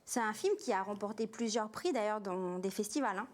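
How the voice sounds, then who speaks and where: A woman's voice: mid-range voice, fairly quick. A woman hosting a TV interview, asking friendly prompting questions. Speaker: TV host.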